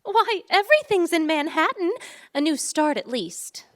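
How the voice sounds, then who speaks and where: A woman's voice: very high-pitched, big pitch swings, normal speed. An actress playing a wistful, restless small-town woman in an old-time radio drama. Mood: wistful, sad.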